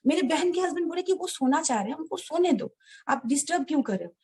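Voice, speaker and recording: A woman telling a personal story to a devotional gathering, earnest and halting, often addressing her listeners directly. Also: sits high, animated, darkish tone. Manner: many restarts and hesitations. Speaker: devotee sharing a personal experience. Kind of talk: heartfelt personal storytelling to an audience.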